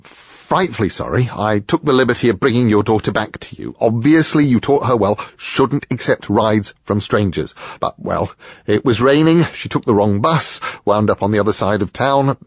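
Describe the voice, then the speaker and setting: A man voicing an amiable, posh middle-aged Englishman who talks in a smooth, chatty way with hesitant fillers. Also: fairly low pitch, lively intonation, normal speed, no room sound, highs cut off. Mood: apologetic charm.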